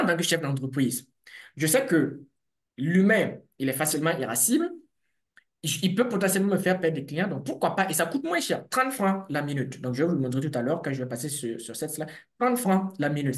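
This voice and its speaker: A man, a developer and business owner, giving a lively conference talk and speaking straight to his audience while sharing his screen. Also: a little high, echoey room. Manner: animated, conversational, addresses audience directly.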